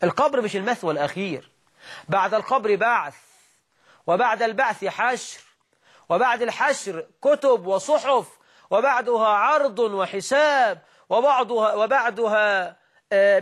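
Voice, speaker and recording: A man's voice: high voice, animated, normal speed, a bit bright. A man with an Egyptian Arabic accent preaching a religious lesson, emphatic and full of rhetorical questions that repeat and mock the errors he corrects.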